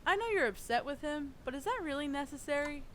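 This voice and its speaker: A woman's voice: high voice, expressive, quick pace, slight background noise. A woman playing the hero's dry, matter-of-fact girlfriend. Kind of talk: amateur comedy film dialogue.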